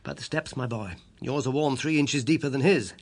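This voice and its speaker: This man performs an audiobook's British gentleman sleuth, brisk and sure of himself, pitched high with some stridency and a sharp, rapid way of speaking. A breathy edge colors the voice, and the mood is brisk and commanding.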